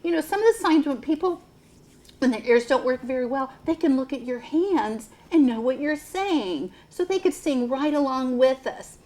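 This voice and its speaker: A woman preschool teacher using a storytime voice, reading aloud and talking to young children in simple, deliberate phrases. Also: high voice, expressive, warm tone. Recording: noticeable background noise.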